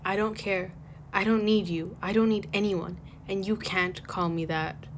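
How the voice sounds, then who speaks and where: A woman's voice: mid-range voice, fairly even intonation, a little slow, a little hiss or hum, lightly acted. A woman reading a furious teenage girl. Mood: cold. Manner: yelling, raised loud voice. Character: furious teen girl, clumsy and insecure.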